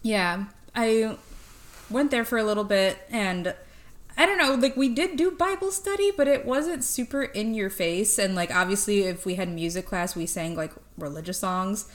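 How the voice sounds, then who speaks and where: Casting: young adult woman, podcast co-host, casual chatty delivery, mid-pitched, filler-heavy and unfiltered. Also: lively intonation, normal speed. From Chicago area. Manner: chatty, swears freely, many "like" fillers. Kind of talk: casual chat.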